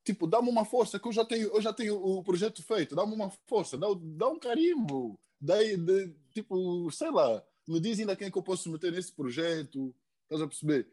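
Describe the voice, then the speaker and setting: Earnest young man with a mellow voice. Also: high voice, expressive. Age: young adult. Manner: earnest, halting, many repeated words and tags. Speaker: rapper, podcast guest. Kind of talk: casual chat.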